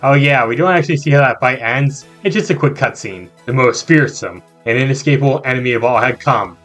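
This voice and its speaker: This channel host reviews video games in a scripted comedy narration, with background music behind him. His mid-range voice is fairly quick and fairly bright, and his delivery is playful and exaggerated, peppered with jokey asides.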